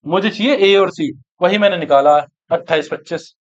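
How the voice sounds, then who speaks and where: Guy with a high voice running a maths class, brisk, keeps asking if u got it, dull lo-fi sound. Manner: brisk, coaxing, keeps checking in with students. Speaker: maths teacher. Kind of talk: exam-prep maths lesson.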